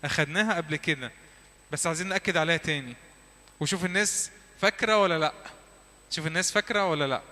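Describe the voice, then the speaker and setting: Man, Egyptian Arabic accent, church class teacher, high voice, repeats words slowly for learners, reverberant hall. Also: bright, forceful tone. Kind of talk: lively classroom teaching with drills.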